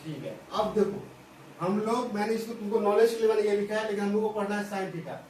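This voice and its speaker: A man's voice: sits high, a little fast, darkish tone. A man teaching a school maths lesson at a board, explaining step by step, repeating phrases and often checking whether students follow. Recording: echoey room from a distance, faint hiss.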